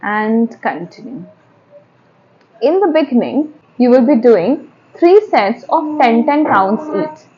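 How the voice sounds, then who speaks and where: Higher-pitched Indian woman teaching yoga. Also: lively intonation, unhurried, few pauses, warm tone, dull audio. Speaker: yoga instructor. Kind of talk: spoken yoga tutorial with step-by-step instruction.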